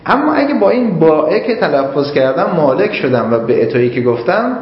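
Male seminary teacher, lively intonation, reasons step by step with examples; echoey lo-fi classroom recording. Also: fairly high pitch. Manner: animated, reasoning aloud with examples. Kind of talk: jurisprudence class lecture. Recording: echoey classroom, lo-fi, faint noise.

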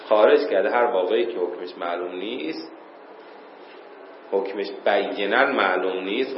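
Man teaching a class in a roomy space. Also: medium pitch. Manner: reads Arabic passages then explains them plainly, with chuckles. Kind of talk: informal classroom lesson. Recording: roomy, dull lo-fi recording with faint noise.

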